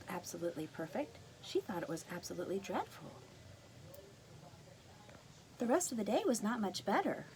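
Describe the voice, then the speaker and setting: A woman reading a picture book aloud to young children, gently explaining words and adding asides. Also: medium pitch, slight background noise.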